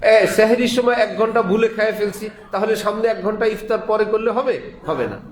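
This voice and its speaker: A man's voice: sits high, normal speed, roomy sound. A man with a Bangladeshi Bengali accent giving a Friday sermon in a mosque, telling stories, voicing the people in them and chuckling often. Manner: storytelling, voicing characters, frequent chuckles. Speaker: preacher. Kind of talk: Friday sermon with acted anecdotes.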